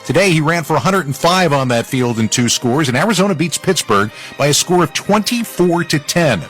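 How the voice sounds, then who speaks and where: A man's voice: a little high, animated, brisk, a bit bright, soft background music. A man hosting a radio football roundup, narrating scores in a punchy, informal way with conversational asides. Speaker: sports radio highlights host.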